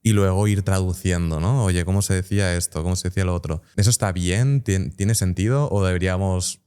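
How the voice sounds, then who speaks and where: A man's voice: deep voice, brisk, mellow, clear, resonant tone. A man who hosts an interview and asks long, searching questions. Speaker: interview host.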